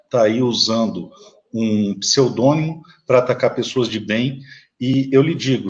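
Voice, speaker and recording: A Brazilian lawyer in a heated political live chat, blunt and combative, swearing at viewers. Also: male voice, mid-range voice, highs cut off. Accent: Brazilian Portuguese. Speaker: lawyer, live stream guest.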